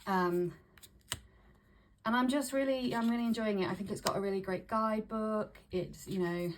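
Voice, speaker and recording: A woman vlogger chatting casually to camera, breathy and a little short of breath with hay fever, often restarting and repeating her phrases. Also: mid-range voice, normal speed, a little hiss or hum. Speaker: vlogger showing tarot decks.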